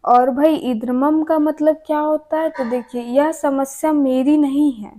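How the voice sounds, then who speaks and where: Brief: young female tutor, high mellow voice, conversational lecture full of self-answered questions. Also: steady tone, a little slow. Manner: chatty, keeps asking and answering her own questions. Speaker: teacher. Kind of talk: casual exam-prep lecture.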